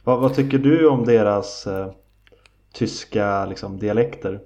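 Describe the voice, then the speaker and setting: A man's voice: on the low side, a little mellow. A man co-hosting a podcast in casual film chat, conversational and asking questions. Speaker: podcast co-host. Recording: dull lo-fi sound.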